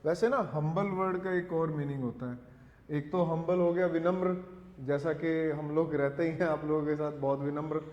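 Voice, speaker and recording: A man teaching English vocabulary in Hindi, dictating words slowly for notes and correcting pronunciation. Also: a little high, fairly even intonation. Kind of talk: classroom lesson explaining vocabulary in Hindi. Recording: echoey room, dull lo-fi sound.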